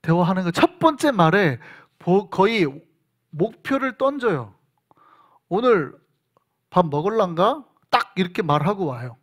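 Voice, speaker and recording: A man preaching a sermon as pastor, telling stories in an animated way and acting out bits of dialogue. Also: high voice, normal speed. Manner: storytelling, animated, acts out dialogue. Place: church sanctuary.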